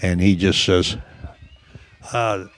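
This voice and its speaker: A man's voice: fairly low pitch, moderate pace. A man in his eighties, a gym owner, telling old stories in an interview. He rambles and keeps quoting what others said. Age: 80s. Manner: rambling, repeats "I says" while quoting others. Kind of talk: storytelling interview.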